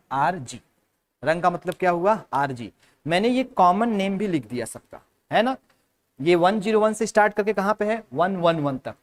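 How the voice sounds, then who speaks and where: A man with an Indian accent teaching chemistry to students, drilling a memory trick with lots of repetition and calling the students "beta". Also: sits high. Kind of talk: classroom lecture in Hindi-English mix.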